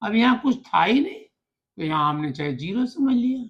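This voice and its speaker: A man's voice: very high-pitched, very animated, normal speed, highs cut off. A man teaching decimal subtraction, explaining step by step with patience and spelling out words letter by letter. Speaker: math teacher. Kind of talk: classroom lesson explanation.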